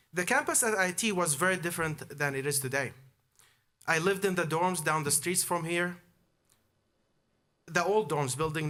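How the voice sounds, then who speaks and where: A man in his thirties from Amman, Jordan, an alumnus giving a prepared commencement speech drawn from his own life story. His voice sits on the high side, with a bright, forceful tone.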